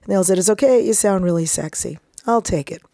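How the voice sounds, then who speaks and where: Hoarse woman radio host, dark tone. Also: mid-range voice, quick pace, dry recording, studio quality. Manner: chatty, laughing, informal. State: hoarse, recovering voice. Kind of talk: casual radio talk show.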